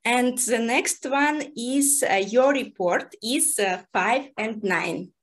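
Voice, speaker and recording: Speaking slowly in a fairly high voice, this amateur radio host learning Japanese chats cheerfully and giggles her way through a casual language tutorial. English isn't her first language, and she plays both host and learner.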